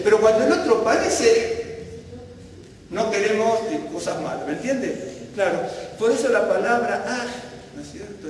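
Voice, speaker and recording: A man gives a conversational Bible teaching, often checking that his listeners follow. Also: high voice. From Argentina. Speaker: teacher at a congregation. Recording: echoey hall, mic far off, faint room noise.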